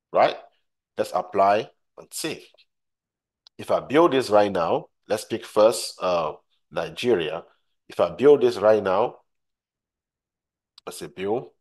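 A deep-voiced man gives a screen-recorded software tutorial, walking through the steps. He repeats his points and often checks in with "right?".

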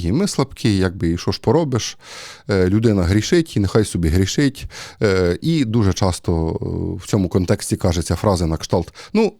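A man with a low, mellow voice preaches a homily in an easy, talky way. He stops often with fillers as he thinks aloud. The sound is close and dry, with no room echo. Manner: conversational, hesitant with many fillers. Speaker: priest. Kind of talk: sermon.

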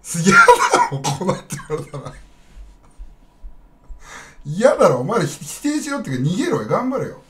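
A man's voice: high voice, sing-song, normal speed, pauses often, a bit bright. A man chatting casually on a live stream, rambling bluntly and talking straight to his viewers.

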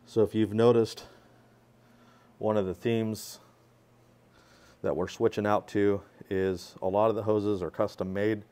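A man who builds pressure washing skids walks casually around equipment he made, filming with a handheld phone in his workshop and explaining the details. His voice is on the low side and dark, with a level tone. He speaks a little slowly and leaves long pauses.

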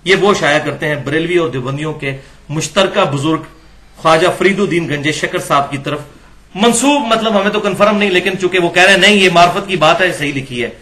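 A man's voice: on the high side, pushed and bright. A man delivering a religious lecture. He reads passages from books and comments sharply, asking rhetorical questions. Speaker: Islamic lecturer.

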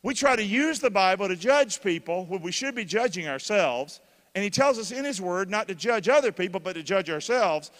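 A man preaching a sermon as pastor, questioning his congregation and bursting into shouts when excited. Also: high-pitched, normal speed. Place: church hall. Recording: long reverb of a church hall.

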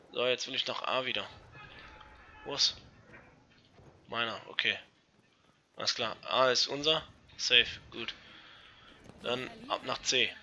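A young man giving casual, excitable commentary over an online shooter match, swearing and talking to his viewers. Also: medium pitch, a little hiss or hum. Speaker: let's play gamer. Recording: dull lo-fi gaming mic.

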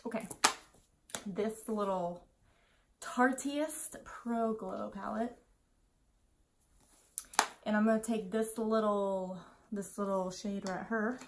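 A woman's voice: mid-range voice, fairly even intonation, takes it slowly, pauses often, noisy background. A woman in her twenties, tipsy from wine, chatting casually and scatterbrained through a makeup tutorial, muttering self-deprecating asides to herself. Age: 20s. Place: small indoor room at home.

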